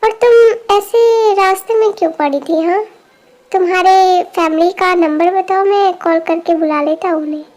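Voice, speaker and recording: A woman voicing a calm, caring young man in an amateur fan dub, with a gentle, reassuring manner. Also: very high-pitched, normal speed. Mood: concerned.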